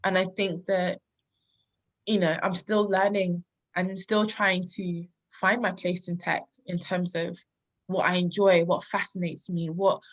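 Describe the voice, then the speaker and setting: A woman in her thirties from London, a podcast guest speaking earnestly and reflectively, often laughing. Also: fairly low pitch. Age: 30s. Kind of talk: casual interview talk.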